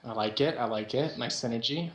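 A man's voice: medium pitch, brisk. A man chatting casually with his gaming team as they plan their picks. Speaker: team player planning champion picks. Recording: roomy, echoey voice-chat sound.

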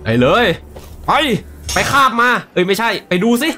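A man plays through a game on stream and reads the characters' lines aloud in his own voice, slipping into asides and reactions between them. His voice sits a little high for a man, and faint music plays under it. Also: very animated, moderate pace, sharp tone. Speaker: gaming streamer. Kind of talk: live game commentary with voice-over translation.

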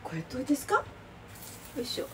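A middle-aged woman chatting away while she cooks lunch boxes in her home kitchen, rambling, exclaiming and laughing as she works. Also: quick pace. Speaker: vlogger cooking lunch boxes. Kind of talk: casual chat while cooking. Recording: distant mic, clear kitchen noise.

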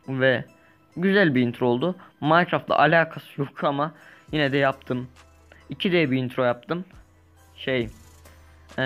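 A young man talks his way through a survival game, loose and rambling, catching his own slips as he goes. His voice sits at an ordinary middle pitch, with faint game music playing softly underneath. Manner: chatty, rambling, self-correcting, lively bursts. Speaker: gaming YouTuber. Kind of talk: casual let's-play commentary.

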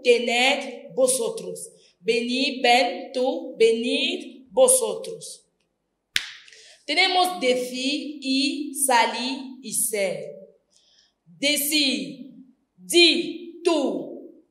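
A woman teaching a distance-learning grammar lesson, slowly and deliberately spelling out each verb form. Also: sits high, fairly bright tone. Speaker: Spanish teacher. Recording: echoey room.

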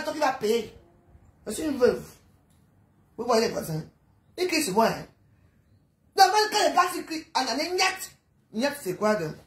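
A widow with a high voice rants emphatically about her neighbors in an emotional monologue from her apartment home, where the room sounds echoey. She repeats herself and keeps adding tag questions.

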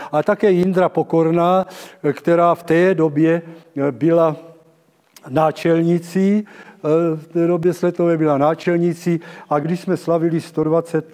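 An elderly man giving a public lecture, halting and correcting himself as he addresses his listeners. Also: a little high, darkish tone. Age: 70s. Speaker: lecturer on local theatre history. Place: large dim auditorium with stage and seated audience. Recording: reverberant hall, long echo.

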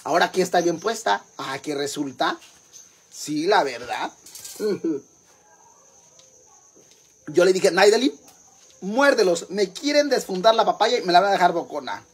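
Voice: medium pitch, very animated, unhurried, long pauses, husky. Someone playing a crude Mexican mother. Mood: brash gossip. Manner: crude, rambling, addresses listeners as sisters. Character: crude brash Mexican mother, gossipy, boastful. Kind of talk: comic monologue in character.

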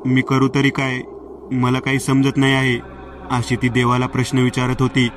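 Flat-voiced male horror storyteller. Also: mid-range voice, moderate pace, background noise. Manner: flat, even reading of all parts. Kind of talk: scripted horror story narration. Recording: distant mic with faint music.

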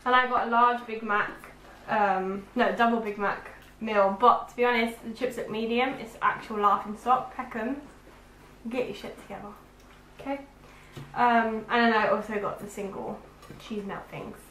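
Bright-voiced woman in her twenties. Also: on the high side, steady tone, normal speed. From London, England. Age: 20s. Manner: chatty, teasing, giggly. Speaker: vlogger co-host. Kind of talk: casual food taste-test chat. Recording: echoey room with faint background hiss.

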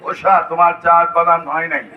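A man plays a stern village schoolmaster with a Bengali accent in a folk stage play. His voice is high and projected, heard dully from a distance over a noisy outdoor crowd. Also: flat delivery, moderate pace, narrow, tinny audio, natural voice. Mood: schoolmasterly. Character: male village schoolteacher quizzing pupils, stern. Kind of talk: loud Bengali jatra folk theatre acting.

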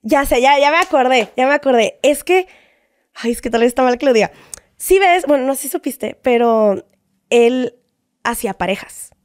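Chatty young Mexican woman, high voice. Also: expressive, normal speed, no room sound. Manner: chatty storytelling, acts out quoted dialogue. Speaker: interview guest. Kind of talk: casual interview.

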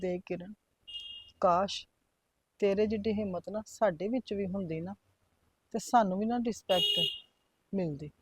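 Actress as a fearful, tearful young daughter-in-law, quiet and pleading, dry recording. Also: female voice, medium pitch, lively intonation, normal speed, pauses often, slightly rough, no room sound. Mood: sorrowful. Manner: pleading, fearful, soft and sad. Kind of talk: family drama acting.

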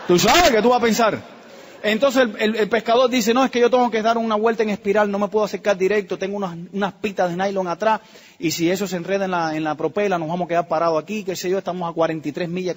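A middle-aged Cuban man telling a personal story to an audience, acting out the quotes and dropping to a hush at tense moments. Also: high voice. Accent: Cuban Spanish. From Cuba. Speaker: speaker telling his story.

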